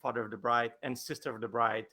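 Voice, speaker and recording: A man's voice: mid-range voice, fairly even intonation, fast, bright, forceful tone, slightly rough. A male wedding photographer answering interview questions over a video call, hesitant, with many fillers and restarts.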